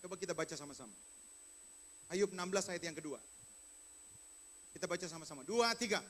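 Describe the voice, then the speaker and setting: A man's voice: high voice, expressive, a little fast, fairly bright tone. A male pastor giving a sermon in a conversational way, speaking straight to the congregation. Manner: conversational preaching, addresses congregation directly.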